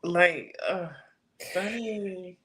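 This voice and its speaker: A woman author being interviewed over a video call, talking in an expressive, storytelling way and laughing often. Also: fairly low pitch, drawn-out words. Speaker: author guest. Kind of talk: casual interview chat.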